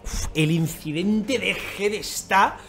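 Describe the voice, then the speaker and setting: Excitable spanish guy reacting, high-ish voice, reads lines out loud, swears a lot, bit of music behind. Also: slow, vocal fry. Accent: Spain Spanish. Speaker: reaction youtuber. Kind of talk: casual reaction commentary.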